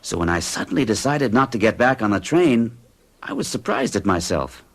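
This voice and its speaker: A man in his forties, speaking at normal speed, voices a nervous middle-aged accountant of rigid habits in 1970s radio drama acting. His storytelling is earnest and uneasy, with a lively pitch.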